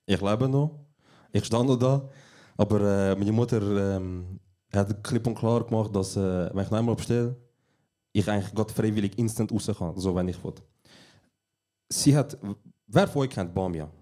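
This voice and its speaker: A man's voice: on the low side, normal speed, warm tone. A young man with a Swiss German accent, co-hosting a casual podcast recorded live, telling stories in a laid-back, dry way. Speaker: podcast co-host. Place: small venue, live recording.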